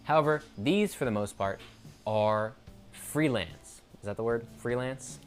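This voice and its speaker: Faint music plays behind a YouTuber talking casually to camera at a measured pace and medium pitch. His monologue is unscripted and rambling; he corrects himself mid-sentence and stutters now and then.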